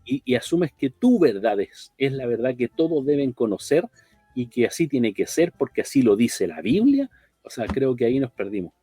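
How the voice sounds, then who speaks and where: A man co-hosting a talk program, thinking aloud in an unhurried, reflective way. His voice is mellow and sits at a middle pitch. The sound is dry, with faint music underneath. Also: very animated, husky, no echo. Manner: thoughtful, often ends phrases with a questioning tag. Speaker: radio program co-host.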